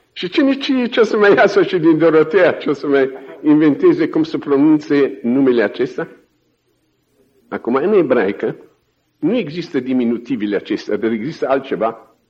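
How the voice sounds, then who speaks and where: A man preaching a sermon, telling stories in an animated way and often chuckling. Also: medium pitch, lo-fi sound.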